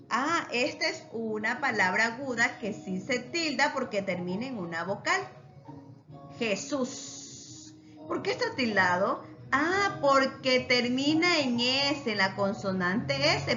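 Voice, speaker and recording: A woman teaching a recorded lesson to her students, speaking slowly and with emphasis, and asking questions that she then answers herself. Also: a little high, bright, forceful tone, muffled recording. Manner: slow, emphatic, asks rhetorical questions and answers them.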